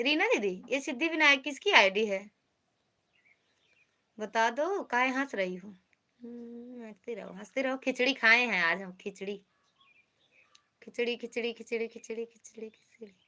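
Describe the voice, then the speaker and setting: Woman, live-stream host; bright, fairly high voice, chatty and teasing as she reads out comments. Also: measured pace, long pauses. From Uttar Pradesh, India. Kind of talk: casual live-stream chat with viewers.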